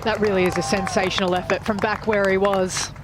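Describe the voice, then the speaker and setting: A man's voice: high-pitched, flat delivery, brisk, a crowd in the background. A man giving live golf commentary with dramatic phrasing. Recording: clear outdoor ambient noise. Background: outdoor ambience.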